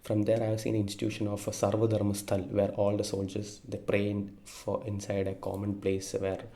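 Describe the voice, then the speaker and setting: A man's voice: fairly low pitch, monotone, brisk, dark tone. A young Indian man with an Indian English accent, giving an earnest, emphatic opinion monologue to camera with frequent fillers and self-corrections. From India (Kerala). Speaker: vlogger.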